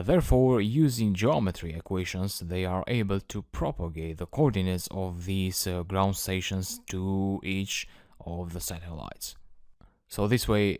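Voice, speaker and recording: A man with an Eastern European accent giving an explanatory lecture as an instructor, in a measured, methodical manner. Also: sits low, a little mellow, no room sound, clean studio sound.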